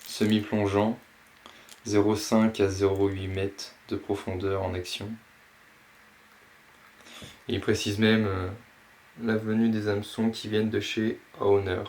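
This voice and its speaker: A man casually presenting and unboxing a box of fishing lures, pausing often with fillers. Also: fairly low pitch, little pitch movement, darkish tone, slight background noise. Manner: slow, hesitant, many fillers. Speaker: fishing vlogger.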